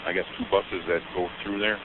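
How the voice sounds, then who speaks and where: A man's voice: deep voice, level tone, a little fast. A man calling a sheriff's office about school buses, talking plainly and informally, heard over a clipped phone line. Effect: clipped, tinny phone line. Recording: archived tinny phone call with hiss.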